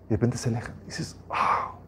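A man's voice: fairly quick, bright, forceful tone, slight background noise. A man preaching a sermon as a pastor, reading scripture aloud and speaking emphatically, often restarting his phrases.

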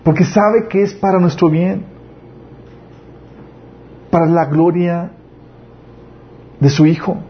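In a sermon on parenting, a man speaks earnestly and asks one rhetorical question after another. He has a high voice and talks slowly with long pauses, and the lo-fi recording is slightly dull with faint noise.

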